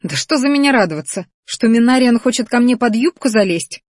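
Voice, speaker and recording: A woman's voice: fairly high pitch, expressive, fairly quick, a little mellow, no room sound, pitched above the performer's own voice. A woman voicing a fiery young girl mage. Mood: angry. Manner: indignant, snappish outbursts. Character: young female mage, flustered and hot-tempered.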